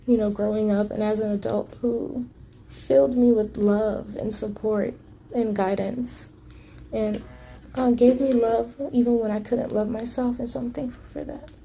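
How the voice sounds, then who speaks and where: A woman's voice: fairly high pitch, flat delivery, measured pace, creaky, mellow, slight background noise. A woman talking casually and earnestly to her viewers in a personal vlog, in a confiding way. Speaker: vlogger.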